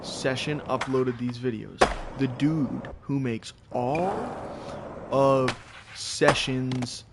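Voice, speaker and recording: A man chewing gum as he gives rambling, halting, casual commentary on a live game stream. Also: medium pitch, steady tone. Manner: chewing gum while talking; rambling, halting, thinking aloud. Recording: loud background noise with clicking.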